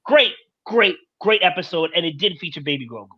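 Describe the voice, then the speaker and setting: A man's voice: high voice, a little fast, husky, dry recording. Emphatic man on a dull, lo-fi line. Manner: animated, emphatic, repeats words for stress. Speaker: podcast panelist. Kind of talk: casual panel discussion.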